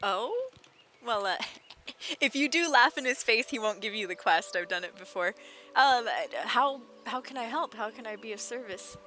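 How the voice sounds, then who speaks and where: A woman's voice: on the high side, animated, normal speed, bright, forceful tone, slight background noise. A woman doing casual, playful live commentary as a game streamer, with music in the background.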